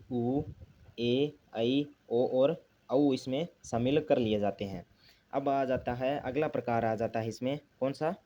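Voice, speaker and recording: A man's voice: mid-range voice, mellow, muffled recording. Man teaching a grammar lesson. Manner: repeats key terms, asks and answers own questions. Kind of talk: classroom lesson explanation.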